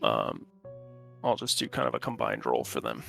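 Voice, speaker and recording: Bright-voiced man running a tabletop game. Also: extremely low pitch, wildly swooping pitch, creaky, faint music behind. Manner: informal, halting while checking rules. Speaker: game master. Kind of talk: running a tabletop role-playing game, improvised narration.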